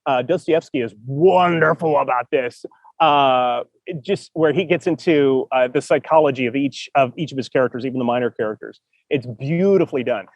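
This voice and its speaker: A podcast host with a medium-pitched voice talks at a normal speed, offering encouraging writing advice in casual chat. He often restarts phrases and laughs, and the recording is dry and dull.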